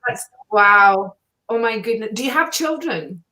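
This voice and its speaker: A woman with a slightly high voice hosts an informal chat. She is effusive and gushing, talking conversationally as she draws out her guest. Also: expressive, measured pace, sharp tone. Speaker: show host. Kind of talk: casual interview chat.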